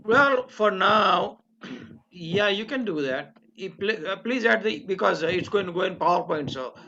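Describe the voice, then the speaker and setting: An older man organizing a class reunion on a video call, chatty and rambling with fillers and restarts, slightly hoarse. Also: high voice, animated, unhurried, pushed and bright, a little hiss or hum. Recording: dull lo-fi video call audio.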